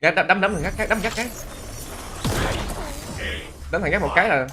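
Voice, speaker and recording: A man doing live gameplay commentary, who exclaims loudly and greets and teases his chat viewers. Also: sits high, normal speed, background noise. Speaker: game streamer. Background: game music.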